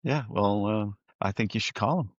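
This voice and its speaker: A man co-hosting a casual podcast who teases his co-hosts in a lively way, heard over a dull, dry mic. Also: on the low side, normal speed, no echo. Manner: teasing, lively. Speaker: podcast co-host. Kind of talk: casual chat.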